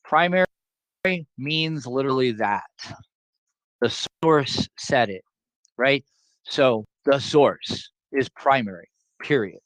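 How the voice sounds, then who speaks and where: A man's voice: mid-range voice, takes it slowly, no room sound, rough recording. A man teaching a class over a video call, explaining in a casual, joking way and repeating his points to keep them simple. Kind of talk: casual online class lecture.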